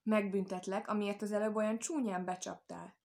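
A woman's voice: medium pitch, fairly even intonation, vocal fry, a little mellow, lightly acted. A woman voicing a big, angry, boastful male wolf who growls threats in a storybook tale. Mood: menacing.

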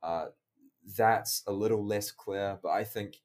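A man explaining research as an interview guest, measured and careful in how he puts things. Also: on the low side, fairly even intonation, a little mellow. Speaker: podcast guest, researcher and online coach.

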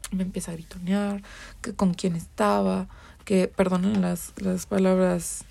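A woman's voice: lowish voice, flat delivery, measured pace, vocal fry, warm tone. A woman with a Mexican accent, a podcast guest telling a personal story in a candid, casual way, swearing freely. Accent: Mexican Spanish.

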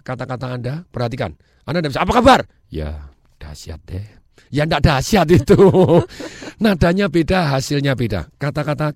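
A man giving an energetic, emphatic motivational talk, with English phrases mixed in and frequent bursts of laughter. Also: medium pitch, no echo, clean studio sound. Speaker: motivational speaker.

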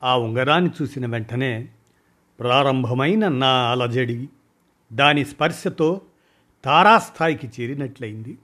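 A man narrating a first-person short story in a measured, deliberate reading. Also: medium pitch, a bit bright.

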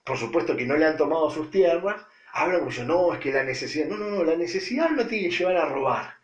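A preacher man with a Rioplatense Spanish accent, his voice set fairly high and rising and falling a lot. He drives his points home by repeating them and moves between forceful and quiet lines. The sound carries the echo of a roomy space. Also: lively intonation, fast talker, muffled recording. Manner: emphatic, repeats phrases for stress, swings between loud and hushed. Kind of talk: sermon.

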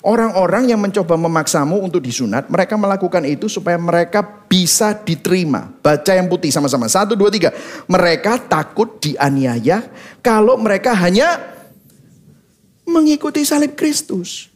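A man preaching a sermon as pastor, animated, leading the congregation in reading and dropping in English phrases. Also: high-pitched, normal speed. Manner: mimics congregants' reactions in quoted asides.

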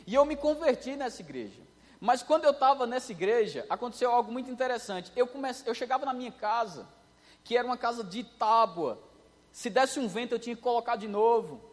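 High-voiced preacher man in a reverberant hall. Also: a little fast. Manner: animated storytelling, acting out voices. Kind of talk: sermon.

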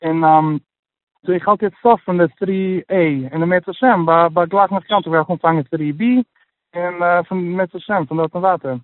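Male interview guest, higher-pitched, hesitant with lots of restarts and English mixed in, phone-line quality. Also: no room sound. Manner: halting, many restarts, mixes in English phrases. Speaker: guest sharing his personal budgeting story. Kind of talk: casual interview chat.

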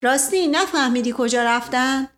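A woman's voice: sits high, a bit bright. A woman voicing a flirtatious, blustering middle-aged nobleman who talks theatrically and keeps exclaiming "momento". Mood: scheming.

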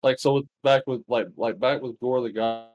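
A man chatting casually over a call whose audio breaks up and cuts out, so he comes through halting, with stumbling restarts. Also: medium pitch, highs cut off. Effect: call audio breaking up and cutting out. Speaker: podcast co-host.

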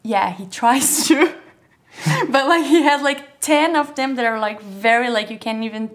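A woman's voice: fairly high pitch, unhurried. Young woman, Brazilian accent, Portuguese native speaker, interview guest, hesitant, filler-heavy, giggly. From southern Brazil. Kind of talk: casual interview chat.

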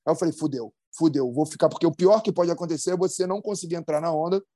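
Slangy, excited male surfer storyteller. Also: high voice, racing, no room sound, studio quality. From Brazil. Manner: slangy, excited, many restarts and sound effects. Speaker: professional big-wave surfer, guest. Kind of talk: casual storytelling in a podcast chat.

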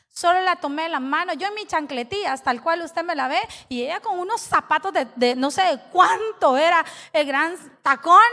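A woman pastor, preaching a sermon and telling a story with animated, acted-out dialogue. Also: sits high, long reverb tail.

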